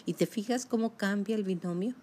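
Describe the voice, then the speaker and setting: A woman's voice: medium pitch, brisk, a little mellow. A woman giving a self-help talk, speaking emphatically and straight to the listener. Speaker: motivational speaker.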